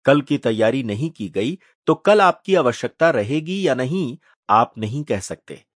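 Slow expressive male audiobook narrator. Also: mid-range voice, dry recording, clean studio sound. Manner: measured, expressive storytelling.

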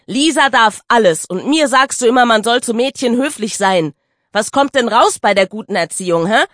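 Brief: a sulky, hot-headed teen boy read by a woman, loud and protesting. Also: a little high, lively intonation, moderate pace, no echo, clean studio sound, pitched above the performer's own voice, natural voice. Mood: angry. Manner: loud, angry, grumbling. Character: sulky teenage boy, hot-tempered and indignant.

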